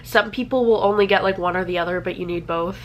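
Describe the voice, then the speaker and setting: A woman's voice: on the low side, fast talker, lo-fi sound, slight background noise. A young woman speaks casually to her channel viewers, her voice stuffy and congested from a lingering cold. She rambles in a chatty way, peppering her talk with "like.". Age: young adult. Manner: chatty, frequent "like" fillers. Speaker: vlogger. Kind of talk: casual chat.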